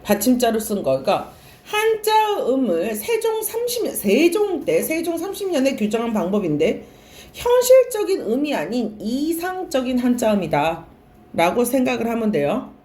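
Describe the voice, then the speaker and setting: A woman's voice: on the high side, wildly swooping pitch, moderate pace, dark tone. A woman teaching a classroom lecture, asking questions and answering them herself, and repeating and stretching key words. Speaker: Korean language teacher.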